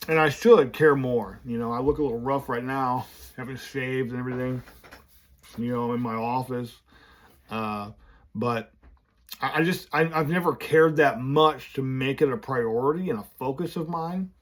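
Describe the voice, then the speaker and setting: A man speaks straight to the camera from his office, talking casually and candidly in a loose, rambling way. New braces slur his speech, blurring his esses and th sounds. His voice is pitched in an ordinary male middle range. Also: moderate pace. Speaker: vlogger running a business. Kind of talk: casual vlog talk to camera.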